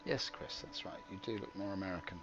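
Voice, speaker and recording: A game streamer with a low, fast voice and fairly even intonation grumbles wryly and pokes fun at himself while playing live. The sound is lo-fi, with game music behind him.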